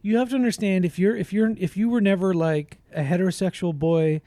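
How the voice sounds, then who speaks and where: High-voiced, laughing man telling stories. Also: brisk, no room sound. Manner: animated storyteller, laughs often, shouts when quoting himself. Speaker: podcast co-host. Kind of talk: casual chat.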